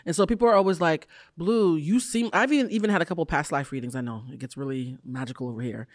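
A man hosting a casual interview, expressive and gushing, laughing often with his guest. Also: fairly high pitch, quick pace, no echo, studio quality. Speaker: podcast host.

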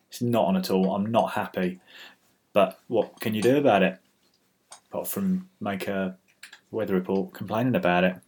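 A man's voice: lowish voice, a little mellow, slightly rough. A British man rambling casually as host of an amateur weather show, with a dry, grumbling, mock-exasperated manner, recorded on a built-in laptop microphone. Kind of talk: rambling casual solo chat.

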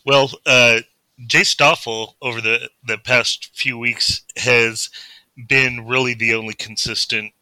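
A man who is a podcast guest, talking sports casually in a halting, hesitant way with many filler sounds. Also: medium pitch, steady tone, bright, forceful tone, smooth, no room sound, poor audio.

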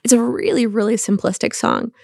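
A woman's voice: on the high side, fairly even intonation, a little fast, gravelly, a little mellow, dry recording, clean studio sound. A woman guest on a podcast roundtable, talking casually with lots of fillers and laughs. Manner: laughing, filler-heavy, joking.

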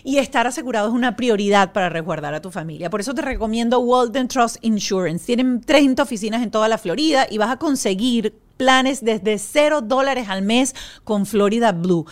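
A woman's voice: on the high side, a little fast, few pauses. Chatty woman hosting a talk show. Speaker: host. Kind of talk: casual chat with live ad reads.

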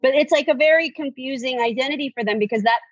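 A woman guest in a casual conversation, speaking in a reflective, measured way over a dry, muffled lo-fi recording. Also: high-pitched, breathy edge, dry recording.

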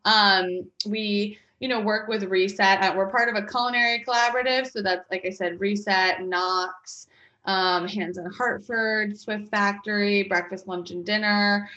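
A woman's voice: mid-range voice, fairly even intonation, unhurried, bright, forceful tone, reverberant, muffled recording. A woman in her thirties from Connecticut, a guest talking about her market project in a chatty interview, with lots of fillers and restarts. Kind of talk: conversational interview.

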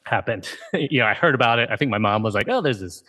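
A man's voice: medium pitch, expressive, quick pace, bright, forceful tone. A man in his forties from Ohio, a game creator telling his story as a guest in a conversational interview, in an easygoing way full of "you know" and "right?". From Ohio, USA.

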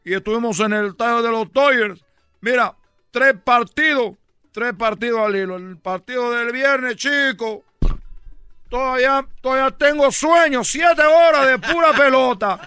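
A man's voice: very high voice, normal speed, pushed and bright, clean tone, no echo, clean studio sound, faint music behind. A man voicing a boastful male baseball player who talks with a put-on Caribbean Spanish accent and drops his R's, teasing and bragging in a radio comedy sketch. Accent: put-on Caribbean Spanish, dropping the R. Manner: brash, bragging, teasing, chuckling.

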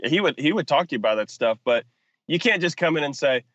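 A man's voice: a little high, expressive, fairly bright tone, no echo. Male football coach, podcast guest, hesitant explainer, dry slightly muffled audio. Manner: halting, many restarts and fillers, explanatory. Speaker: football offensive coordinator and quarterbacks coach, guest. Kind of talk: podcast interview.

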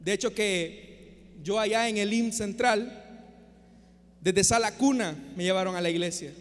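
A man preaches an impassioned sermon and presses his listeners with rhetorical questions. His voice sits very high, and he swings from loud to soft. Long reverb fills the church around him.

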